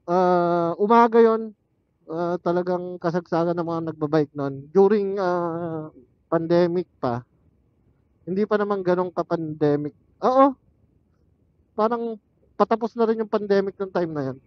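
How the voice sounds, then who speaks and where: Riding a motorcycle on mountain roads, a vlogger chats casually and thinks aloud into the helmet intercom headset he uses as an external mic. His voice is high and a little slow with long pauses, and the muffled intercom sound has no echo.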